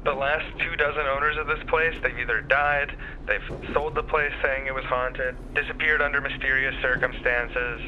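A man plays a jumpy woman from a real estate office, heard over a muffled phone speaker with plenty of hiss behind her. She speaks at an everyday mid pitch and sounds hurried and anxious, like someone passing on a secret she should not share. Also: flat delivery. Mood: worried. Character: nervous female real estate agent. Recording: muffled speakerphone audio with background noise.

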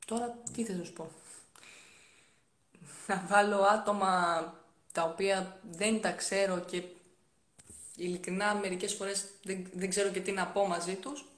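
A woman's voice: medium pitch, steady tone, pauses often. Young woman streamer on her phone at home, chatty, answers comments, roomy sound. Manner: chatty, reads comments aloud and answers them, with frequent soft-spoken asides. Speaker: live streamer. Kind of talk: casual live-stream chat answering viewer comments.

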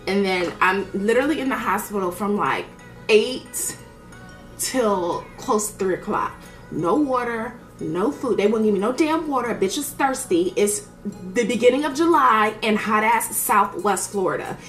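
A woman's voice: medium pitch, moderate pace, roomy sound, soft background music. A woman telling a story in a casual chat while doing her makeup, blunt and profane, acting out what people said. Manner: animated, blunt and profane, acts out quoted dialogue. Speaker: beauty vlogger.

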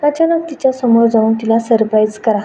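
A woman voicing a kind, affectionate middle-aged mother-in-law who speaks gently and reassuringly. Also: a little high, a little fast, natural voice. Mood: fond. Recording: dull lo-fi with faint noise.

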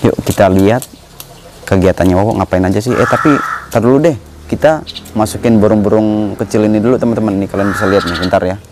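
A young man with a low voice talks casually on his phone camera outside among bird cages. He chats with his viewers and coaxes the birds. Birds chirp over the clear hiss of a noisy recording. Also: quick pace. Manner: chatty, talks to birds in a coaxing voice. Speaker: vlogger and bird keeper. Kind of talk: casual vlog chat.

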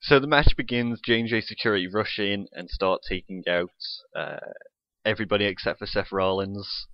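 A man's voice: lowish voice, fairly even intonation, normal speed, no room sound, dull audio. A young man co-hosting a podcast, recapping a wrestling show play by play in casual chat and swearing freely. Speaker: podcast co-host.

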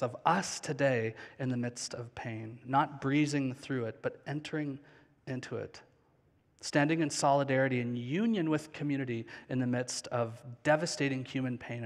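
A man in his thirties preaching a sermon on a large church stage with a headset mic, earnest and slowing down on key phrases. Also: medium pitch. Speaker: pastor. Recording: long hall reverb.

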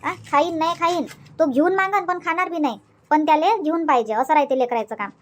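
Village neighbour woman, played by a woman: chatty, coaxing, pitched high. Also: brisk, natural voice.

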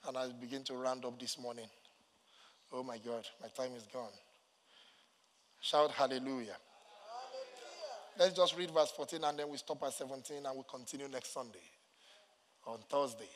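A Nigerian man preaching a sermon as pastor, swinging from quiet asides to shouted, sing-song lines. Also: mid-range voice, normal speed, long pauses, big-room sound.

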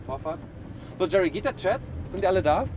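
A fast-talking man with a high, expressive voice hosts a livestream while driving guests around a city in a van. The chat is casual and full of teasing jokes, and the moving vehicle's road noise is loud in the recording.

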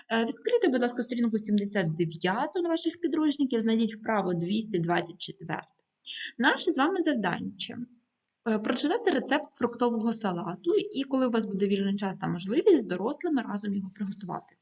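A woman teacher gives a recorded lesson to young pupils in a fairly high, lively voice that rises and falls a great deal. She speaks clearly and patiently and stresses each number as she reads. The sound is dull and lo-fi. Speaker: primary school teacher.

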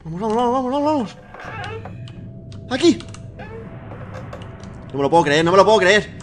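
A man with a Spain Spanish accent doing excitable horror game let's play commentary at a desk mic, swearing and shrieking when startled. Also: sits high, normal speed. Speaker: gaming YouTuber. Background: game music and keyboard typing.

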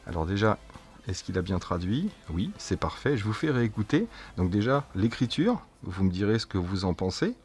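A man casually demonstrating a gadget as a tech reviewer, chatty and jokey, and speaking his test phrases slowly and clearly. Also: lowish voice, very animated, darkish tone, faint music behind. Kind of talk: casual product demo.

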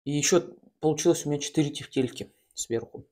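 A woman in her thirties chats casually and slangily while eating in a mukbang, chewing and smacking, with pauses between bites. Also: low-pitched, a little mellow. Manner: colloquial, slangy. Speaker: mukbang host. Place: small room at home, at a table.

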